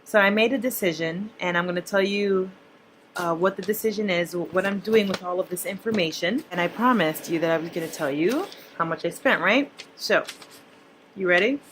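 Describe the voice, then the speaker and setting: A woman's voice: lowish voice, normal speed, a bit bright, a little hiss or hum, low-quality recording. A young woman, a mother, vlogging about her spending in a chatty, blunt, casual way to her viewers. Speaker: personal finance vlogger, mother. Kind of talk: casual talk to camera.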